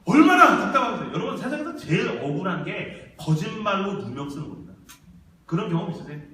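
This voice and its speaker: A man's voice: high-pitched, fast talker. A man preaching a sermon to young adults in a large church hall, telling stories vividly and acting out the voices of the people in them. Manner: lively storytelling, acting out quoted voices. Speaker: church ministry staff preacher. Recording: very echoey church hall, mic far off.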